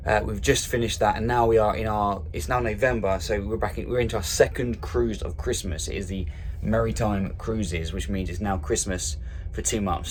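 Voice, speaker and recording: A cruise ship crew member talks casually to camera in a vlog, rambling with restarts and fillers. His medium-pitched voice is rough from having just woken from a nap, and the recording carries a little hiss or hum.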